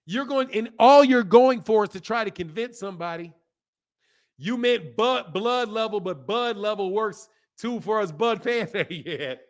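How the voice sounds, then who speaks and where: This boxing channel host, in his fifties, speaks a little slowly as he reads comments on a relaxed live stream. He has a fairly high male voice, engages lively with chat, restates points for emphasis and often laughs.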